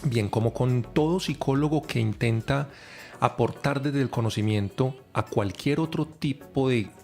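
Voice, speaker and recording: A man's voice: mid-range voice, measured pace, gravelly, darkish tone, soft background music. A man, a psychologist and lecturer, explaining at length as a podcast guest, with frequent hesitations. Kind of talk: radio podcast interview.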